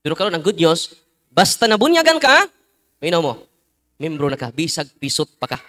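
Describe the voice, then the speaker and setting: High-pitched, lively joking priest. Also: male voice, fairly quick. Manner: jokey, teasing the congregation, mixing in English phrases. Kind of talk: humorous sermon with storytelling.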